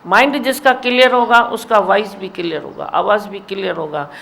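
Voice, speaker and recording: A woman's voice: medium pitch, normal speed, vocal fry, a bit bright. A woman guru gives a sermon, scolding and teasing her listeners and mimicking their mumbling. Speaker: spiritual guru. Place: satsang hall.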